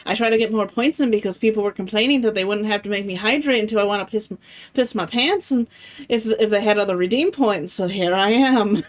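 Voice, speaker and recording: Chatty woman streamer over soft music. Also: medium pitch. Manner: chatty, laughing, swears freely. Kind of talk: casual game-stream chat.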